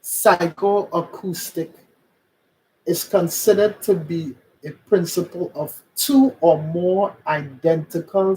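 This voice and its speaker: Slow-talking Trinidadian man. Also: a little high, a little mellow, a little hiss or hum, rough recording. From Trinidad and Tobago. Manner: rambling, explanatory, keeps checking in with listeners. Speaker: musician. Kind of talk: casual livestream talk.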